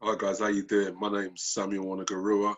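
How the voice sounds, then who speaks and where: Man guest, deep baritone, even and unhurried, little pitch movement. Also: muffled recording. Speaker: podcast guest, coach. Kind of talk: podcast conversation.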